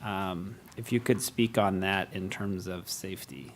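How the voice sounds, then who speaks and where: A man's voice: sits low, fairly even intonation, a little slow. A man on the commission asking a brief question about safety at a public meeting.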